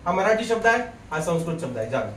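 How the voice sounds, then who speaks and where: Lively teacher in an echoey classroom. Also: male voice, fairly high pitch, fast, far from the mic, a loud crowd. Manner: lively, quizzes the class and jokes. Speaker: Marathi grammar teacher. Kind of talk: classroom lecture. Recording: echoey classroom recorded from afar.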